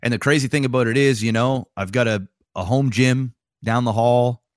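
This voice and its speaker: A man in his thirties co-hosting a casual podcast, talking in a laid-back, drawn-out way with plenty of swearing. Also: mid-range voice, no room sound, studio quality. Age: 30s. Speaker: podcast co-host. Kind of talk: casual chat.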